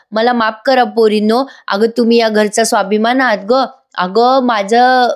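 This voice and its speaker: A woman voicing a scheming older aunt in a TV serial recap, pleading in drawn-out melodramatic lines. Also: on the high side, lightly acted.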